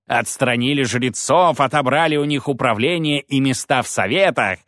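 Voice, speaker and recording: A male narrator voicing a gaunt fanatical priest who preaches in a slow, drawn-out tirade in an audiobook. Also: mid-range voice, a bit bright, dry recording, clean studio sound, pitched above the performer's own voice. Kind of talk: audiobook character voice.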